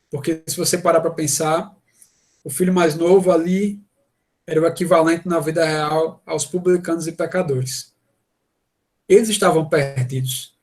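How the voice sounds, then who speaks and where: A man's voice: fairly high pitch, a little mellow. A man preaching a sermon, earnest and asking the congregation direct questions.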